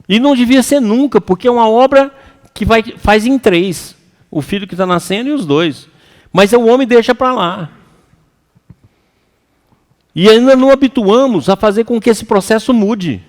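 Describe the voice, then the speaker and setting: A man with a Brazilian Portuguese accent giving a lively, colloquial seminar lecture to an audience. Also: high voice, moderate pace, pauses often. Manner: animated and colloquial, acts out quoted voices. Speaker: seminar speaker. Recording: reverberant hall.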